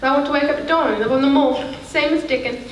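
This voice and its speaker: A woman playing a cheerful young Yorkshire housemaid, brisk and down-to-earth in broad dialect, in a live stage play. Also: sits high, steady tone, a little hiss or hum, natural voice. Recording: echoey theater, mic far off.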